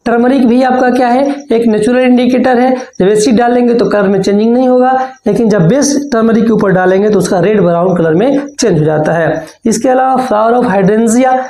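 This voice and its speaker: A man's voice: high-pitched, warm tone, reverberant, rough recording. A male science teacher giving an exam-prep lesson, explaining step by step and asking and answering his own questions.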